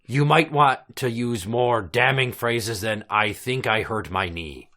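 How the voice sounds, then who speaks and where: A man acts out a gruff old pirate sea captain hosting a comedy show. He is crude, salty and bossy, swearing freely as he needles his guest like an old fisherman with no patience. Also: mid-range voice, unhurried, bright, forceful tone. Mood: sardonic. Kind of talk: mock interview with a child guest.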